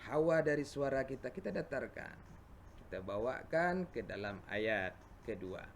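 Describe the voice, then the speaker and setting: A man with an Indonesian accent teaching children Quran recitation, patiently explaining and answering his own questions, chanting verses slowly and loudly. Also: mid-range voice, very animated, vocal fry, slight background noise.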